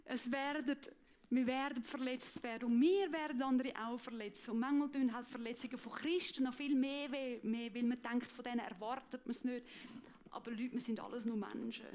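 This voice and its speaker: Emotional Swiss German woman, fairly high voice. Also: fairly even intonation, a little mellow, a little hiss or hum. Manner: emotional, halting, repeats words. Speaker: guest speaker. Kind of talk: personal faith testimony.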